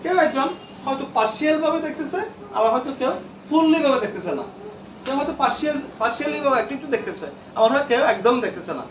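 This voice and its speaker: A male teacher lectures his classroom in a very high-pitched, animated voice, racing along as he repeats terms and quizzes his students. Captured from far off in an echoey room, the audio carries background noise.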